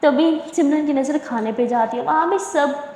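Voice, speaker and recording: High-voiced woman narrating in a roomy echo. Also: normal speed, a little mellow. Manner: conversational, describing actions plainly. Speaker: storyteller. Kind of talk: casual story narration. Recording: echoey room with long reverb.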